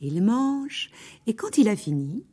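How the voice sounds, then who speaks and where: A woman narrating a children's story aloud in an expressive, dramatic way. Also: a little high, takes it slowly, breathy edge.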